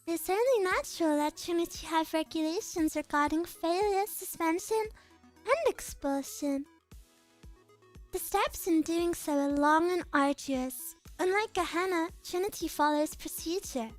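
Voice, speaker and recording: A woman voicing a refined, grave schoolgirl leader in a game story, formal and measured. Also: very high-pitched, faint music behind, voice pushed down. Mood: cool, measured. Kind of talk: visual novel game dialogue read aloud.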